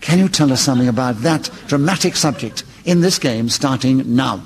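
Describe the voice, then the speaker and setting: A man chairing a comedy radio panel game, brisk and genial, often chuckling as he gives out points. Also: medium pitch, animated. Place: radio studio with live audience.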